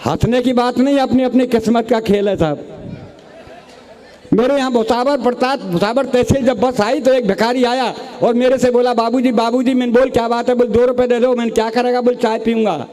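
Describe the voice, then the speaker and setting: Older male comic poet in his sixties, Rajasthani accent, anecdotal stage delivery, higher-pitched voice. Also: fairly even intonation, fairly quick, warm tone. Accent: Rajasthani Hindi. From Rajasthan, India. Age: 60s. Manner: anecdotal storytelling, acting out dialogue. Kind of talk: stage comic poetry recital.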